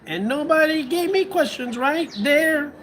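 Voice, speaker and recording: A man's voice: very high voice, expressive, unhurried, a bit bright. An American man hosting a casual livestream, rambling and musing aloud to his viewers from home. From United States. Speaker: livestream host.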